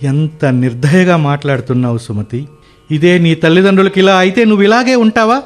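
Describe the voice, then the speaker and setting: A man's voice: sits high, a little fast, natural voice. A man playing a grief-stricken, guilt-ridden son. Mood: remorseful. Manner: mournful, self-reproaching. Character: guilt-ridden married son, grieving, remorseful. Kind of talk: radio play acting. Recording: faint music behind.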